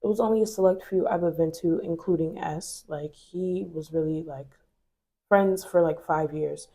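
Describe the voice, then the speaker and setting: Stuffy with a cold, this twenty-something vlogger speaks at a normal pace in a low, dark-toned voice. She chats candidly to camera, telling a personal story peppered with fillers.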